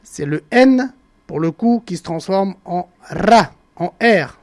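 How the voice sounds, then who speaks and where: A speaker from the Marquesas Islands, explaining how words changed in a deliberate broadcast talk that pauses often to search for words and repeats example words. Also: medium pitch, expressive, darkish tone. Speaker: language presenter on a broadcast.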